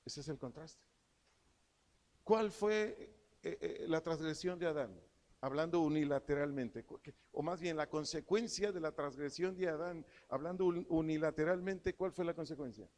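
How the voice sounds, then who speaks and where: A man's voice: fairly high pitch, moderate pace, darkish tone. A man preaching a sermon as pastor, reading scripture aloud with emphasis and repeating key words. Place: church. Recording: church sermon with long hall reverb.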